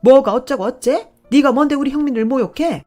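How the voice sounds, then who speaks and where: Woman doing a booming, scolding mother-in-law. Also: expressive, a little fast, faint music behind, lightly acted. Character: domineering loud older mother-in-law.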